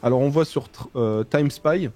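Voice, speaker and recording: Mid-voiced man, relaxed co-host reading tech news. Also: mid-range voice, normal speed. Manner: relaxed, reads out news with hesitations. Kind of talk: casual tech news chat.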